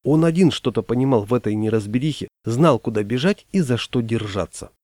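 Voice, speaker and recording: Mellow male audiobook narrator. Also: mid-range voice, animated, no echo, clean studio sound. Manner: measured, storytelling.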